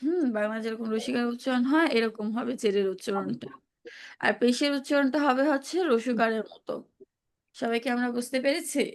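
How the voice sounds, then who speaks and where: A woman's voice: a little high, a little fast. Woman teaching with patient repetition. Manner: patient, repeats questions for students to answer. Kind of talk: online Quran reading lesson.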